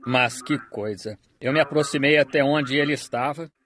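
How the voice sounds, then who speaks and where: A man preaching a sermon, telling a testimony as a story and then praying slowly and earnestly. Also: mid-range voice, fairly bright tone.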